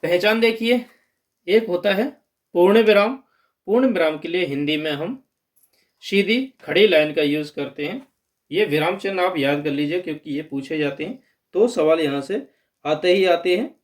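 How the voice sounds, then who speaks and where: A man teaches an exam-prep grammar lesson. His voice sits high for a man, and he lifts it to stress each key term as he explains step by step. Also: moderate pace.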